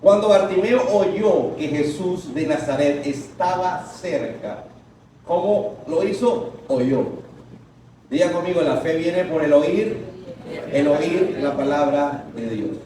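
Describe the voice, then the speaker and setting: A high-voiced man delivers a sermon from a distance. His words ring out through a very echoey church hall. He leads the congregation in call-and-response and lets some lines burst into shouts. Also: slow pace, slight background noise. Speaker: pastor. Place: large echoing church hall.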